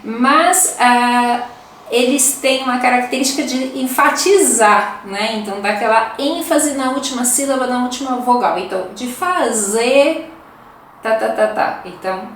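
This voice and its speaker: A woman's voice: a little high, unhurried. A Brazilian woman teaching Portuguese, explaining accents patiently and often asking "né?" to check in. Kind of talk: explaining accents in a video lesson. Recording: very echoey room with faint noise.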